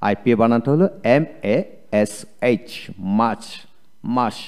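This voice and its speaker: A man's voice: medium pitch, a little mellow, clean tone. A man with a Bengali accent teaching English spelling in a video lecture, drilling each word letter by letter and repeating it. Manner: slow, repetitive letter-by-letter drilling.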